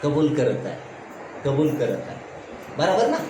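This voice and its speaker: A man's voice: medium pitch, wildly swooping pitch, a little slow. A pastor leading a Bible study. He asks the congregation questions, answers them himself and keeps asking "right?". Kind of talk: Bible study sermon with call-and-response questions. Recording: echoey room with background noise.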